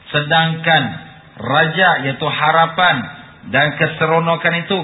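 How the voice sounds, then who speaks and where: Malaysian man giving a sermon, tinny recording. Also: on the high side. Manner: gentle, with lots of "ha" and "ya" fillers and hushed, drawn-out words. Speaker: religious teacher. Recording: tinny phone-like sound with faint ambience.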